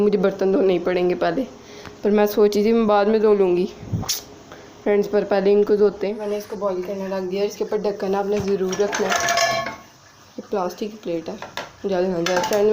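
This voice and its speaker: A woman's voice: mid-range voice, level tone, fast talker, noisy background. A young woman casually talking viewers through cooking in her home kitchen, chatty and giggly. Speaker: vlogger.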